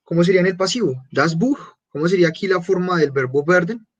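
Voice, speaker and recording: A man teaching a beginner German class, patiently repeating German phrases slowly and clearly. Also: sits high, muffled recording.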